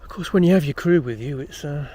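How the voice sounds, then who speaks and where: Actor playing a british ghost hunter guy, kinda high voice, chatty and full of himself but uneasy, found footage horror style. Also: fast talker, mellow, lightly acted. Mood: boastful, nervous. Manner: rambling, self-important, chatty. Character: boastful, uneasy male amateur ghost hunter filming himself. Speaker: paranormal investigator presenting a documentary. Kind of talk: found-footage horror film monologue to camera.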